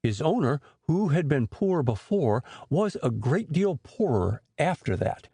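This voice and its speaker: A man reads a storybook aloud like a scripted audiobook, his voice husky and slightly high. He keeps a measured pace with expressive, lively pitch movement, and there is no echo.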